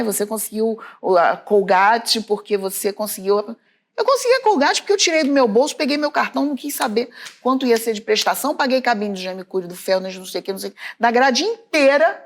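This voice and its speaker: Lively Brazilian woman telling stories. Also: medium pitch. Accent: Brazilian Portuguese. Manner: lively storyteller, exclaims to listeners. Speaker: podcast co-host. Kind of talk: casual chat.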